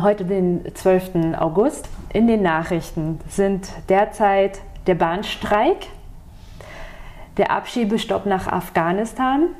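Woman, interviewer, direct conversational questions, mid-pitched voice. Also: a little mellow.

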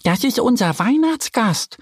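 A man voicing a small, excited animal friend in a children's story. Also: unhurried, husky, no echo, studio quality, heavily acted. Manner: high, excited.

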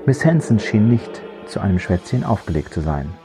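A man narrating a crime thriller audiobook in a measured, dry storytelling voice. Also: on the low side, big pitch swings, music in the background.

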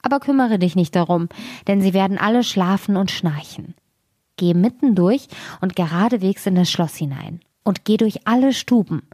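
A woman's voice: mid-range voice, normal speed, dark tone, no room sound, clean studio sound, close to an everyday voice. A woman doing a wise, patient fox. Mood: advising. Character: wise helpful male fox, patient adviser.

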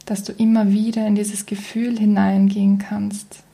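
Woman doing guided meditation, soft almost whispery, super flat pitch, bit of creak. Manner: soft, breathy, near-whispered delivery; calm and soothing, with long pauses.

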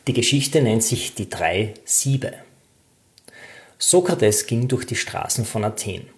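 A man's voice: mid-range voice, lively intonation, slow. Direct, instructive male self-help coach. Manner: direct, addresses the listener informally.

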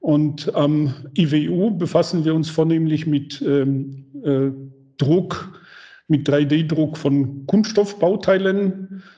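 A man's voice: on the high side, fairly even intonation, slow, warm tone, lo-fi sound. A middle-aged man, a professor and institute director, speaking as a guest over a remote line, hesitant with many filler sounds. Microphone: remote connection.

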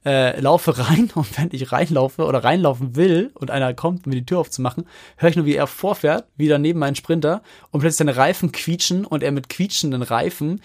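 Quick, animated man telling a story. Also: fairly high pitch, dry recording, clean studio sound. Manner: animated storyteller, rapid with many fillers. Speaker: podcast co-host. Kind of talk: casual chat, telling an anecdote.

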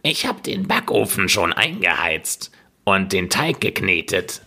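A man voicing a cruel, greedy old female witch in a storybook reading, with a shrill, harsh voice. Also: very animated, a little slow, gravelly, pushed and bright, breathy edge, heavily acted.

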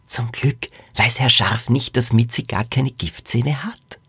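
A man voicing an angry girl detective who speaks in a hush, in a children's mystery. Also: mid-range voice, very animated, moderate pace, breathy edge, dry recording, exaggerated voice. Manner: hushed.

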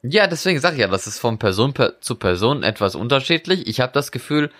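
A man's voice: medium pitch, sing-song, fast talker, fairly bright tone. A man chatting casually, rambling and often laughing as he talks. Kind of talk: casual chat.

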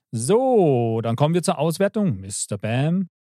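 A man playing a video game with friends, giving excited, playful mock football commentary and cheering the others on. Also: on the high side, takes it slowly, no room sound, clean studio sound. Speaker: player doing mock commentary.

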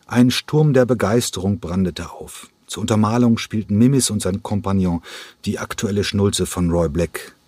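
Deep husky guy reading a novel, close dry mic. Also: normal speed, a little mellow, no echo. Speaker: audiobook narrator. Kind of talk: scripted narration.

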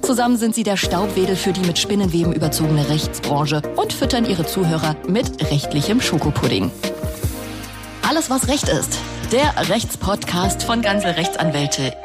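Woman doing a playful scripted show intro, loud music under her. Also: fairly low pitch, animated, moderate pace. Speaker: intro announcer.

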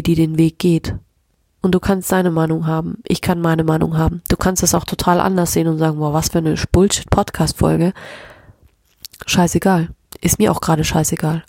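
A woman records a reflective solo podcast episode, speaking openly and emotionally about what is going on inside her. Her voice sits low and gravelly with a husky, breathy edge, and her nose is a bit stuffy from crying. The sound is dry and close, with warm, mellow tone. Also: dry recording. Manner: open, emotional, self-reflective, drifting into soft whispers. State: teary, slightly stuffy nose. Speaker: podcast host. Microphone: plug-in microphone, close.

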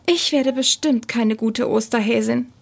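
A timid young bunny girl with a lifted, sweet voice, earnest and unsure of herself, as a woman reads her in a storybook. She speaks slowly and gently, with a bright, hopeful ring. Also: on the high side, creaky. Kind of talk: storybook reading.

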